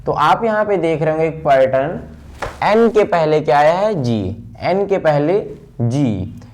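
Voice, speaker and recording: A man teaching pronunciation, slowly drilling word patterns and repeating examples. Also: fairly high pitch, expressive, slight background noise. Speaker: English teacher. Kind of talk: pronunciation lesson.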